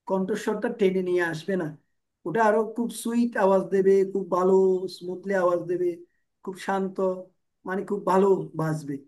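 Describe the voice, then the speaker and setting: A man giving a devotional class into a microphone, explaining with everyday examples and rhetorical questions, his throat strained from talking loudly. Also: high voice. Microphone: handheld microphone.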